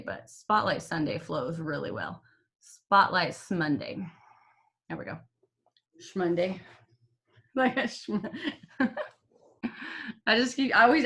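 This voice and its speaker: A woman's voice: medium pitch, pushed and bright. A woman, leading a casual team meeting on a video call, upbeat and chatty, with the hiccups. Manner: upbeat and chatty, with fillers and jokes. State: has the hiccups. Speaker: team leader.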